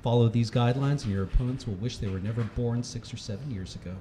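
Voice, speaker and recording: For a charity livestream, a fast-talking man of average male pitch reads a comic how-to piece with pretend gravity, often dissolving into laughter. Faint noise can be heard behind him in the echoey room.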